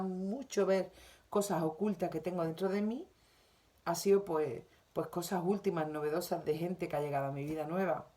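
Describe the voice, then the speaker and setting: Una mujer con acento de España que lee y comenta una lección espiritual diaria, con tono suave, sentido y reflexivo. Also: female voice, fairly low pitch, dark tone. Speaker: spiritual teacher. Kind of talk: reading and commenting on a daily spiritual lesson.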